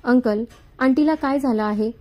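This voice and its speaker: A woman voicing a kind, comforting young man, calm and reassuring, in her own reading voice. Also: sits high, moderate pace, dull audio, close to an everyday voice.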